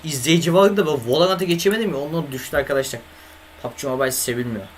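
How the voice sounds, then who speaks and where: A young man in a mid-range voice streams games from a home setup on a desk microphone, with slight background noise. He's a gaming streamer who chats casually with viewers and talks to chat, swearing and grumbling at his computer.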